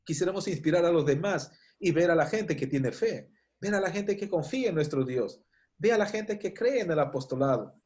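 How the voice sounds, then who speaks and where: A man's voice: on the high side, expressive, normal speed, darkish tone, muffled recording. A man with a Peruvian Spanish accent preaching a sermon, telling biblical stories fervently with frequent stumbles and restarts. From Peru.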